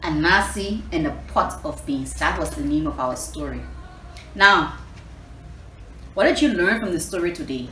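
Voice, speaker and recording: A storytelling host from Liberia reads animatedly to children, teaching as she goes, repeating herself and asking questions. She has a low, animated voice with a bright, forceful tone, speaks at a moderate pace, and leaves long pauses. Faint music plays behind her, in a roomy echo with clear background noise.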